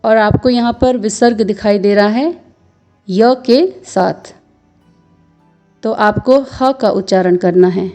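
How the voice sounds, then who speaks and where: Slow, mellow woman teaching recitation. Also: mid-range voice, faint music behind. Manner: patient, chants verses slowly, explains quickly.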